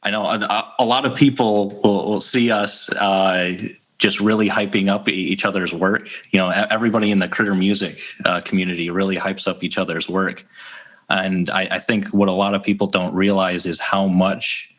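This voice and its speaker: A man's voice: low voice, flat delivery, a bit bright. A man who writes songs, talking in a casual interview with frequent restarts and fillers. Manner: halting, many restarts and fillers. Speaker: songwriter guest.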